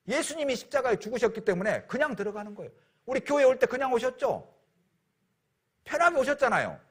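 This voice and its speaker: A male pastor delivers a sermon, and his voice sits high and swings widely in pitch. The tone is husky, and he acts out stories in an animated way.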